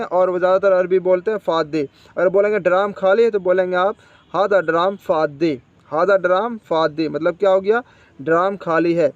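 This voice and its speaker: A man's voice: sits high, darkish tone, no echo, dull audio. A man teaching spoken Arabic vocabulary, repeating each word and quizzing the listener.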